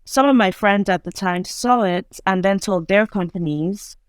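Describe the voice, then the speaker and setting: A woman from Nigeria, a guest on a video call, telling her story in a relaxed, chatty way. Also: mid-range voice, a little slow, clear, resonant tone, no room sound, clean studio sound. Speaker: guest entrepreneur. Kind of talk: casual interview.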